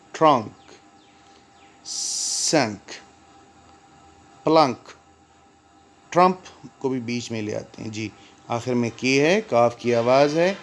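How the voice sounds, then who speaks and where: An older man teaches a recorded English lesson with an even voice of middling pitch. He draws out each word on his lists slowly, then patiently explains the sounds between them. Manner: slow, drawn-out reading of word lists.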